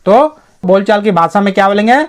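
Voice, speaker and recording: A man with a somewhat high voice giving an English reading lesson in Hindi. He goes through the text word by word and reads the English sentences slowly and carefully. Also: animated. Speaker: English teacher.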